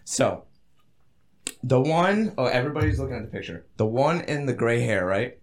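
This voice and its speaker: A man's voice: mid-range voice, animated, normal speed. Rowdy, boastful young man telling stories. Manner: rowdy, boastful storyteller, swears constantly, laughs while talking. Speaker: podcast co-host telling a story. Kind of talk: crude casual banter among friends.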